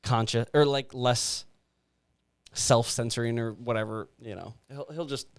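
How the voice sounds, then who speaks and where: A man's voice: mid-range voice, steady tone, a little slow, slight background noise. Hesitant, wry man in casual chat. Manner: hesitant, restarting, wry contrarian. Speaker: podcast co-host.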